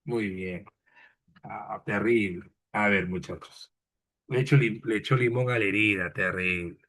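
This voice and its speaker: A man with a Peruvian Spanish accent teaching a literature class, joking with his students and slowing down to recite poems. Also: lowish voice, a bit bright. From Peru. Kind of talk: online class lecture.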